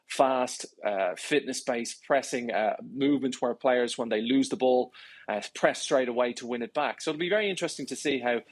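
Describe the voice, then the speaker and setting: A man sports correspondent giving commentary on a news programme in a deliberate way, with fillers and restarts. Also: medium pitch.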